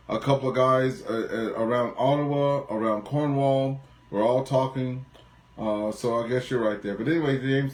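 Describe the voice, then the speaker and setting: A man's voice: medium pitch, darkish tone, reverberant. A Canadian man hosting an amateur radio net, chatting casually and rambling with self-corrections. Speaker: net control host.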